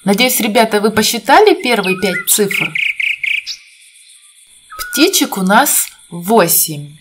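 Taking it slowly, with big pitch swings in a medium-pitched voice, a woman narrates an educational counting video for young children over very noisy audio. She's encouraging and sing-song like a teacher, posing questions to the viewer.

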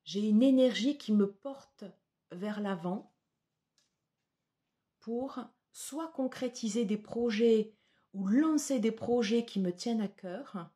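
Woman, tarot reader, unhurried delivery, soft mellow tone, hesitant with fillers. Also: fairly high pitch. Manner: slow, hesitant with many fillers. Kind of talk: tarot reading video.

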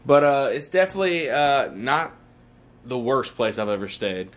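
A man's voice: medium pitch, sing-song, normal speed. A young man, chatting casually to camera in a travel vlog, upbeat and full of fillers. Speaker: vlogger.

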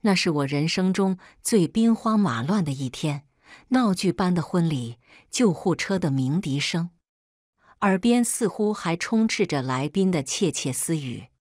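A woman narrating a first-person drama story in a steady, emotive scripted read. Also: lowish voice, measured pace, no room sound, clean studio sound.

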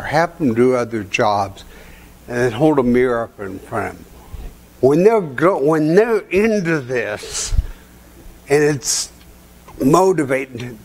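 An older man presents at a conference to a seated audience, moving from practical advice into folksy family anecdotes. He talks in a relaxed storytelling way and chuckles at his own punchlines. His voice sits at an ordinary middle pitch, picked up by a lapel mic in a hotel meeting room. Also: a little slow. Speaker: seminar presenter.

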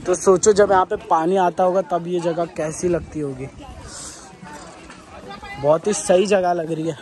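Walking outdoors on a forest trek, a young adult travel vlogger chats enthusiastically to his phone camera at arm's length for a casual vlog. He has a high-pitched, darkish voice with fairly even intonation and a measured pace, and a faint crowd can be heard.

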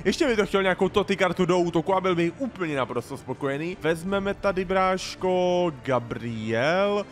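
A young man giving slangy, excited commentary while playing a football game, often breaking into loud sing-song shouts. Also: high-pitched, faint music behind. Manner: slangy, calls viewers "bro" constantly. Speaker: gaming streamer.

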